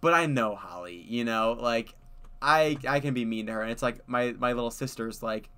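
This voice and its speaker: A young man chats loosely on a stream, with a bright and crisp voice. He rambles through his stories with many fillers and breaks into laughter often. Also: mid-range voice, moderate pace. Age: young adult. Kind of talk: casual chat while gaming.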